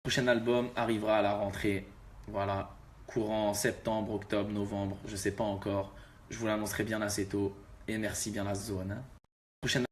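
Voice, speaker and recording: A man's voice: on the low side, little pitch movement, normal speed, slight background noise. A young man from Algeria, a rapper, talking casually to his fans with laid-back street slang.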